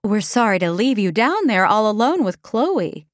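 A woman doing a sharp, bitter older woman. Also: mid-range voice, very animated, normal speed, no room sound, clean studio sound, close to an everyday voice. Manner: sharp and spiteful.

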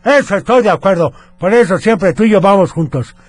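A man's voice: high voice, animated, a little fast, no room sound, pitched above the performer's own voice. A man voicing a cheerful, playful elderly grandfather who chats eagerly with a young friend on a children's radio show. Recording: faint music behind.

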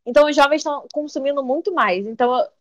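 High-voiced young woman telling stories animatedly. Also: fast, no echo, dull audio. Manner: animated storyteller who acts out quoted voices and says "tipo" often. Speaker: TikTok creator guest. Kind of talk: casual interview chat.

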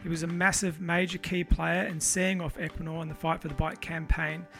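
Male podcast host, casual and keen, fairly high voice with plenty of creak. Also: level tone, brisk, sharp tone, faint music behind. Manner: informal, sweary, enthusiastic. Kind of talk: casual chat with spoken introduction.

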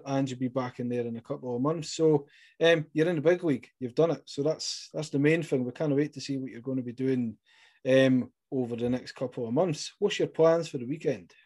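Scottish guy doing a sports interview, mellow voice, chatty and rambly. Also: medium pitch. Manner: chatty, encouraging, rambling questions.

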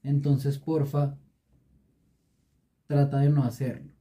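A podcast co-host argues his point on a casual show, swearing freely, making crude jokes, and repeating himself a lot. His medium-pitched voice is warm but flat, and he speaks slowly.

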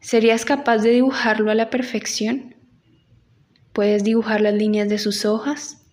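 A woman with a fairly high, level, slightly mellow voice speaks unhurriedly. She is an acting teacher taking the listener through an exercise in an audio lesson. Directly addressing them, she gives instructions and poses reflective questions.

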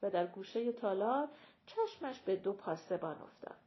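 A woman narrating a short story as an audiobook reader, measured and even. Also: mid-range voice, lo-fi sound. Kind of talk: scripted narration.

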